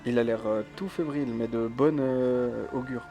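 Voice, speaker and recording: A man's voice: medium pitch, fairly even intonation, normal speed, warm tone, faint music behind. A male streamer who keeps his voice down, chatting casually as he plays a game and reads the chat, laughing often. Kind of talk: casual let's-play chat. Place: home room with thin walls.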